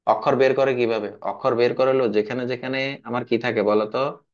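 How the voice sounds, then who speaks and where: A man's voice: medium pitch, fairly even intonation, fairly quick, highs cut off. A man teaching an English class, often questioning his students and repeating himself. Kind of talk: classroom lesson.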